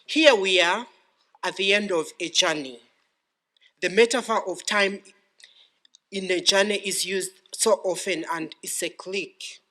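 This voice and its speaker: A middle-aged man with a Ugandan accent giving a formal, ceremonial podium speech with deliberate phrasing. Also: high voice, sharp tone. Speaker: graduating PhD student giving vote of thanks.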